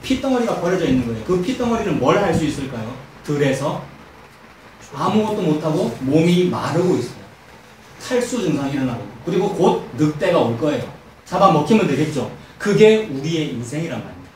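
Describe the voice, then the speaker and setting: A man preaching an expository sermon as a pastor, emphatic and animated, telling stories and asking the congregation rhetorical questions. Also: on the high side, brisk, slight background noise. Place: church sanctuary. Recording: echoey church hall, mic at a distance.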